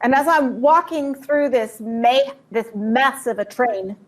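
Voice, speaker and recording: A woman telling a personal story in short, vivid bursts and pausing for an interpreter. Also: sits high. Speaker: guest speaker. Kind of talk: personal testimony with live interpreter.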